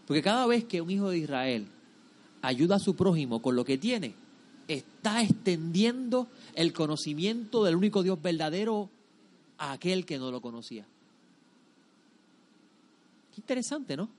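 A man with a high-pitched voice delivers a religious lesson to a group. He teaches emphatically, repeating key phrases for weight and checking in with short rhetorical questions. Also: fairly bright tone.

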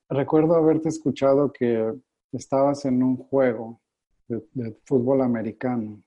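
A man hosting a podcast, encouraging his guest with long, talkative questions. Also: medium pitch. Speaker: podcast host. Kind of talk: interviewing. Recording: dull lo-fi audio.

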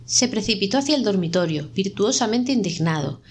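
A woman reading a short story aloud in a measured, dramatic narration. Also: mid-range voice, expressive, slightly rough. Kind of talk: scripted audiobook narration.

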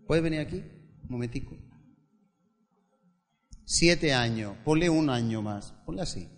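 A man's voice: medium pitch, expressive, measured pace. A male pastor, praying and preaching a sermon, who stumbles over repeated words and builds to emphatic passages. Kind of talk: sermon with opening prayer. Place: church hall. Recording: long church-hall reverb.

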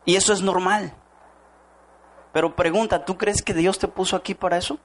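A man's voice: high voice, steady tone, normal speed. A man giving a motivational talk to an audience, asking rhetorical questions and acting out quoted voices. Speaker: network marketing speaker.

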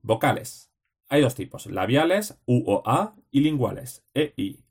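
A man reads out study notes at a middle pitch. He works through terse headings and short lists, one item after another, like someone revising for an exam. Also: very animated, unhurried, a little mellow, breathy edge. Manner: clipped list-like reading, terse headings. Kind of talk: reading study notes aloud.

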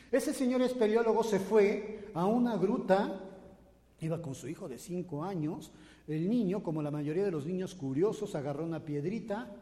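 A Mexican man with a high, mellow voice delivers a motivational sales lecture to a crowd. He is theatrical, putting on voices and joking with his listeners, and his voice rings through a large, echoey hall from a distant mic. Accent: Mexican Spanish. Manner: theatrical, acts out voices and echoes, jokes with the audience.

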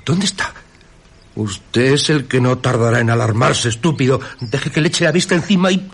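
An actor playing a bewildered scruffy tramp who stammers and blusters, easily rattled, in a radio drama. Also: male voice, medium pitch, normal speed, husky. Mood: alarmed. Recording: faint outdoor ambience with birds and insects.

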